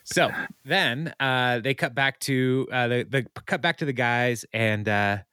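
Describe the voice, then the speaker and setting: A man's voice: mid-range voice, measured pace, pushed and bright, smooth, no echo, studio quality. A man hosting a podcast, casually recapping a TV episode with frequent laughs and filler words. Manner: laughs often, many ums and uhs. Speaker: podcast host.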